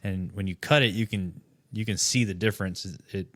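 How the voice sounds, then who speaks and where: A man's voice: on the low side, fairly quick, dry recording. A man co-hosting a casual podcast chat, profane and laughing, his voice jumping up when he tells a story. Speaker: podcast co-host.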